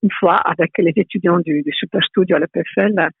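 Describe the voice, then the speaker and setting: A woman's voice: on the low side, creaky, husky, dry recording. Italian-accented woman on a tinny line. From Italy. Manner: hesitant, many pauses and repeated words. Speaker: architecture professor, guest. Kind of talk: thoughtful interview answers. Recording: tinny phone-like line, dry.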